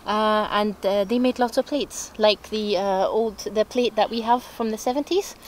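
A woman's voice: medium pitch, moderate pace, a little hiss or hum. A woman co-hosting a digging video, chatting outdoors with short, agreeable replies and frequent giggles. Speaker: mudlarking channel co-host. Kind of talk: casual chat while digging. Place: outdoors at a bottle dump.

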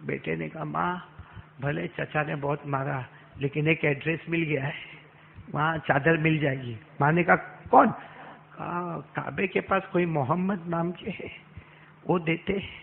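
Male preacher, high voice, dramatic storytelling sermon, shouts and drops to soft, faint background noise. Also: steady tone, a little slow, vocal fry, phone-quality sound. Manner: dramatic, acts out characters, swings from soft to shouting; asks the crowd to respond. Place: mosque.

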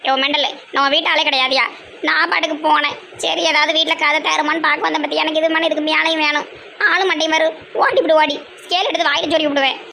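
A woman's voice: high voice, little pitch movement, fast talker, vocal fry, sharp tone, a little hiss or hum. A woman with a Tirunelveli Tamil accent acting in a comedy sketch, talking in a brash, scolding way.

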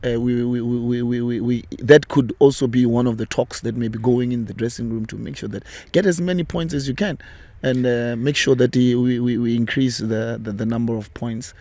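A man's voice: medium pitch, steady tone, fairly quick, hardly any pauses, a little mellow, dry recording. A young man hosting a football podcast outdoors, asking questions hesitantly with many fillers and restarts. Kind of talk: interview questions. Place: outdoors on a sunny football field. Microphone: handheld mic on a stand.

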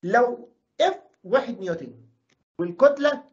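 A man's voice: very high voice, expressive, normal speed. A man with an Egyptian Arabic accent teaching a physics lesson, asking questions and answering them himself. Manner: asks questions and answers them himself, voices imagined student objections. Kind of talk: recorded classroom lesson. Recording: dull lo-fi recording.

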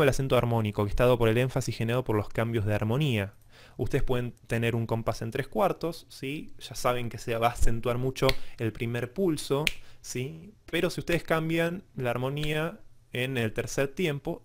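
A man lectures on music theory in a steady, explanatory way. His voice sits at a middle pitch, and he keeps checking in with his students as he goes. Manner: explanatory, checks understanding with frequent "¿sí?". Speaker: music teacher. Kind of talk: online class lecture.

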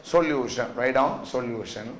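A man's voice: mid-range voice, normal speed, noisy background. A middle-aged man with a South Indian accent giving a classroom lecture, drilling students with repeated questions and check-ins. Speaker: finance lecturer. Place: indoor classroom, speaking to students. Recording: echoey classroom.

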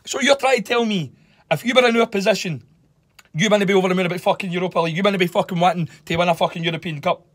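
A man's voice: high voice, racing, no echo. A man with a Glaswegian Scottish accent playing a cocky, gloating football fan in sweary, mocking banter for a comedy sketch. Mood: teasing.

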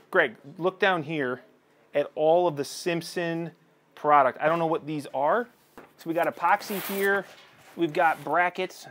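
A man in his thirties with a lapel mic, chatting eagerly as he tours a construction site and explains what he sees. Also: a little high. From United States. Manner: enthusiastic, chatty, explaining as he walks. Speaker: construction vlogger. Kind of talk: casual walkthrough vlog. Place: construction site, in a tool container and on an open upper floor.

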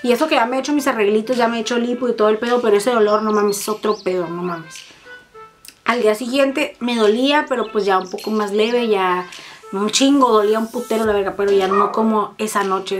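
A woman with a Mexican accent telling a personal story in fast, profane, dramatic casual chat. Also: mid-range voice, background noise. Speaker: vlogger.

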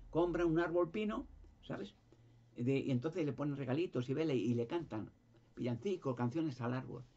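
A conspiracy talk guest delivers a rambling, emphatic, repetitive monologue, stumbling over his words, repeating them and restarting them. His voice is fairly high-pitched with a darkish tone. The recording has a dull, lo-fi sound.

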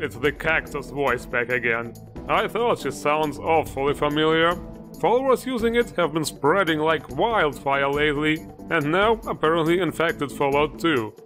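A man's voice: a little high, a bit bright. A man narrating a scripted game mod review in a sarcastic, exasperated, foul-mouthed manner.

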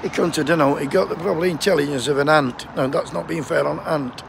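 Cold and cursing freely, a Sheffield postal worker on strike banters with passers-by for a casual vlog in a Yorkshire accent. His voice is a little high, quick, with vocal fry. He stands on an outdoor picket line by a busy road, and passing traffic makes the recording noisy.

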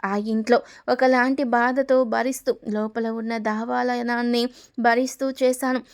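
A villainous middle-aged stepmother from a storybook, pleading and justifying herself, as a woman reads her lines. Her voice sits fairly high and stays flat, with little rise or fall in pitch. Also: measured pace, clear, resonant tone.

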